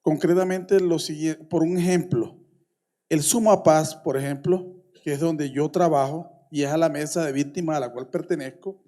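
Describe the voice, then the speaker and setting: A man from the Colombian Caribbean coast asks a question from the audience at a conference. He talks in a fairly high, mellow voice. He halts and restarts as he goes. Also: steady tone. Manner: halting, with many restarts and fillers. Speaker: audience member asking a question.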